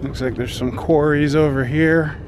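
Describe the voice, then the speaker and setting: Walking his dogs along a desert trail, a middle-aged vlogger chats casually to a handheld camera held at arm's length. His fairly high voice has fairly even intonation and a moderate pace, with outdoor ambience and distant traffic noise behind him.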